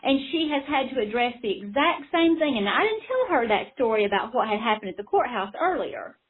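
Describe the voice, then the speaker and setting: A woman's voice: on the high side, sing-song, fairly quick, breathy edge. A caseworker, a woman, insistently explaining her side at length on a phone call. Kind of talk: phone conversation. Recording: tinny phone line.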